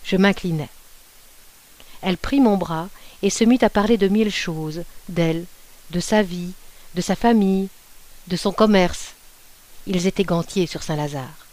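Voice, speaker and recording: A woman narrating a classic short story in a measured, unhurried reading voice. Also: fairly low pitch, a little mellow. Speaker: audiobook reader.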